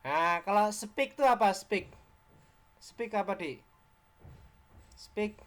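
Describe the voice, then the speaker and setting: A man's voice: high-pitched, animated, slow, a bit bright. Indonesian man explaining questions step by step. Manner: explains step by step, asks students questions, repeats key words. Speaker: teacher. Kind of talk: exam-prep lesson walkthrough.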